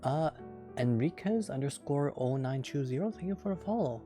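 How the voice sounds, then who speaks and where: A man's voice: medium pitch, lively intonation, moderate pace, dark tone, soft background music. A young man streaming from home late at night, reading a light novel aloud in a casual way, often breaking off to laugh and chat. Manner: giggly, breaks off laughing, chatty asides.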